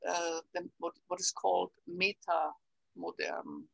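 An older woman with an Austrian German accent talks on a video call. Her voice is gravelly and husky, and the sound is dry and close. She speaks reflectively, often pausing on fillers. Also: fairly low pitch, wildly swooping pitch, no echo, poor audio. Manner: reflective, halting with many fillers. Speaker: interview guest, salon organizer. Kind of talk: casual conversation on a video call. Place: bright room at home. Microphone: webcam on a video call.

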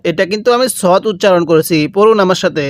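A man teaching Quran reading, with a Bangladeshi Bengali accent, who explains each word and then draws out the recitation slowly and repeats it for students to follow. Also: high-pitched. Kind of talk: slow step-by-step recitation lesson.

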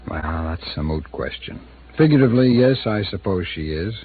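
Deep, slightly rough, and animated, this man in his thirties moves a little fast while voicing a relaxed, somewhat evasive city attorney. It's acting from a 1950s radio drama, heard through a hissy, tinny old broadcast.

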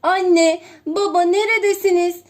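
A woman's voice: high voice, measured pace, darkish tone. A woman voicing a naive, lonely baby duckling in a storybook, plaintive and whimpering. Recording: roomy echo.

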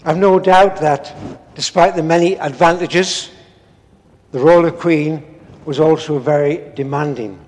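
Slow older priest in a reverberant church. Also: male voice, a little high, steady tone, a little mellow. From England. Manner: measured, earnest, with solemn pauses. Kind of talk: sermon read from notes. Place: large stone church, indoors. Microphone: far camera, no visible mic.

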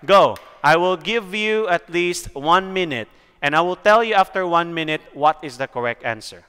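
A male teacher explaining a lesson slowly and deliberately, pausing to count and guide his students. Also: on the high side, lively intonation, bright, forceful tone, clear, resonant tone, long reverb tail. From Philippines. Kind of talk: recorded classroom lesson.

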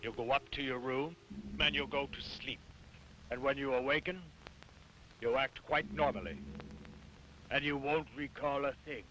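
A man's voice: medium pitch, steady tone, a bit bright, lightly acted. A man playing a cold commanding hypnotist villain. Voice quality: slow, commanding. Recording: noisy old film soundtrack.

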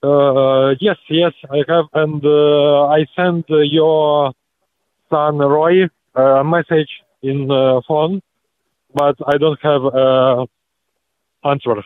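A man's voice: on the high side, fairly even intonation, slow pace, no room sound. A man from Ukraine with a Ukrainian accent, speaking hesitant broken English full of fillers on a phone call. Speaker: prank call target. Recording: tinny phone line.

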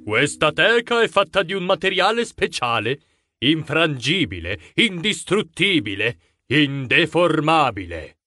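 A man's voice: on the high side, big pitch swings, unhurried, pushed and bright, no echo, studio quality, exaggerated voice. Man doing a solemn museum director.

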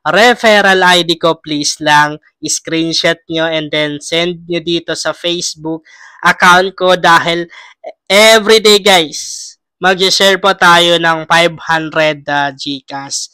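A man's voice: on the high side, slow pace, sharp tone, clean tone, no room sound, low-quality recording. A young Filipino man hosting a casual gaming vlog, his voice strained by a cough. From Philippines. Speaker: vlogger and host.

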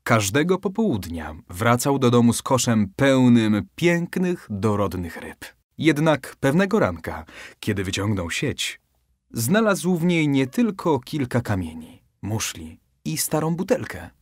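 A man reading a bedtime story aloud as scripted narration, expressive and dramatic. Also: a little slow, no echo, studio quality. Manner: expressive, with lively shifts in pitch.

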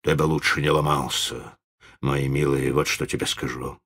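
A man voicing a fat, pompous doctor who talks down in a bossy bass. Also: little pitch movement, normal speed, gravelly, a bit bright, slightly rough, heavily acted. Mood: pompous menacing. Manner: condescending, booming.

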